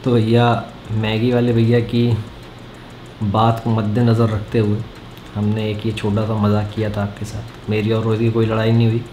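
A man's voice: fairly low pitch, completely flat delivery, normal speed, mellow, soft background music. A young man talking to camera in a dry, matter-of-fact way, explaining a joke to his viewers. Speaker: vlogger. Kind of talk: joking narration to camera. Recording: roomy with background noise.

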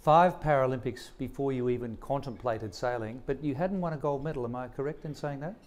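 A jovial man in his sixties hosts a stage interview at an event. His voice is mid-pitched and ordinary for a man, and he asks his questions with a teasing touch. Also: a little fast, a little mellow. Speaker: interviewer, emcee.

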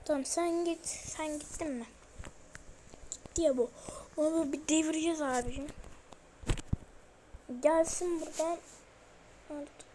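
A young woman plays a horror game and talks to her viewers, jittery, scared and exclaiming. Her high voice stays steady at a measured pace with frequent pauses, mellow in tone, over a little hiss or hum.

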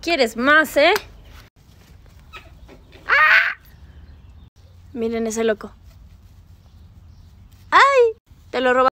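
A woman's voice: fairly high pitch, normal speed, hardly any pauses, bright, forceful tone, a little hiss or hum. A woman, vlogging casually to camera about her pets, playful and often squealing and laughing. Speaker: pet vlogger. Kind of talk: casual vlog talk to camera.

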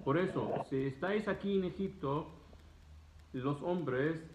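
A travel vlogger speaking in a slow, hesitant, casual way, with many fillers and restarts, explaining things to students. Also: male voice, fairly high pitch, a little mellow. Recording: echoey, phone-like sound.

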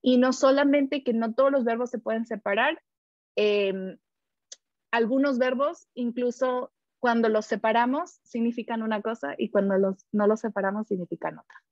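A woman with a fairly high voice teaches a webinar lesson and works through one example after another, filling gaps with small fillers. The sound is dry and a little dull, like webinar audio. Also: moderate pace, dry recording. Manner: animated, explains with many examples and fillers. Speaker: English teacher.

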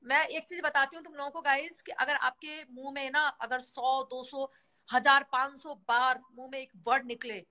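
A woman's voice: sits high, steady tone, normal speed, pushed and bright. A woman hosting a casual live stream on a phone mic, rambling and slipping English words into her talk.

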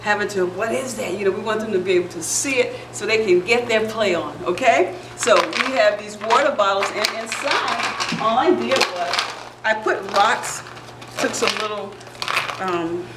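A woman's voice: medium pitch, heavy background noise. A middle-aged woman who runs a children's center, chatting through a casual how-to demonstration, often restarting her sentences. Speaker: founder and director of a center for children. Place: large indoor playroom. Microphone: camera microphone from across the room. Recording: echoey room heard from a distance.

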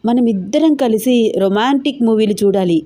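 Storybook role: teasing young fiancé, put on by a woman reader, warm low-key tone. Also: normal speed, no echo, studio quality, lightly acted. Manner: playful, teasing.

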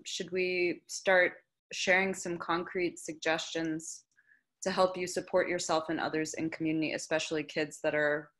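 A woman's voice: on the low side, a bit bright. A young woman facilitating a video call workshop, friendly and inviting others to share. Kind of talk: facilitating a discussion. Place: indoor living room with lamp.

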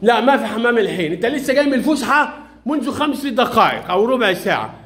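A man teaching young pupils in a classroom, patiently quizzing them with questions, praising them and gently scolding them. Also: very high voice, sing-song, quick pace. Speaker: primary school teacher.

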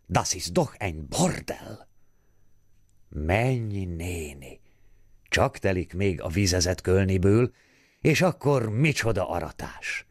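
Expressive male audiobook narrator. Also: no echo, clean studio sound. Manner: expressive, voices quoted women with raised pitch. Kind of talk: literary audiobook reading.

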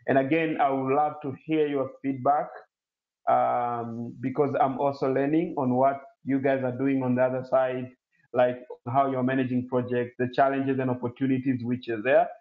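Over a video call on his laptop microphone, a Tanzanian incubator CEO whose native tongue is Swahili presents online and takes questions. He pitches at a medium level and stumbles often, full of fillers and false starts. The webinar sound is dull and roomy.

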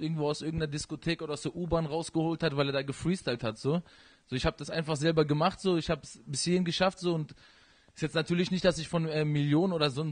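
A young man from Iran who raps, answering interview questions into a handheld mic in a living room, animated and full of fillers. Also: a little high, no room sound. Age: young adult. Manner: animated, talks in loose run-on sentences with many fillers. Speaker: rapper being interviewed. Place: living room at home, indoors.

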